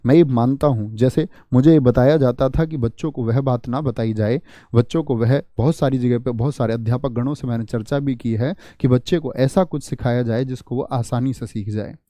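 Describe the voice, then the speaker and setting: A man's voice: medium pitch, mellow, dry recording, clean studio sound. A man teaching an online exam-prep lesson, often asking questions and then repeating the answers himself.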